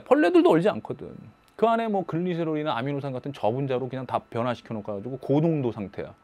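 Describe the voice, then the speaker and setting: A man teaching a high school biology lecture in a lively, playful way, breaking into sudden shouts and silly voices.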